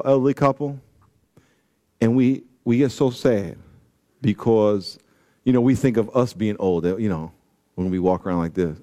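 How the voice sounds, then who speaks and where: A forty-year-old pastor preaches a sermon, reading scripture and telling stories in a loose, slangy style. He swings from loud peaks down to low asides.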